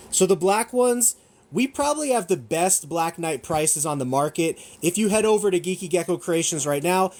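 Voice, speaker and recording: A man's voice: on the high side, darkish tone. Chatty man hosting a gecko livestream. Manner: enthusiastic, rambling, self-correcting. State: eating while talking. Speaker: gecko breeder and shop owner hosting a livestream. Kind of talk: casual livestream sales chat.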